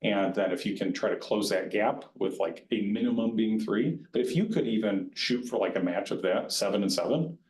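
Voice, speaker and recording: Low-voiced man explaining retirement planning. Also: moderate pace, hardly any pauses, darkish tone. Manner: conversational, plain-spoken, frequent restarts. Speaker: retirement plan advisor. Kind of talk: informal educational presentation. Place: county board meeting room. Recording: roomy meeting-room echo.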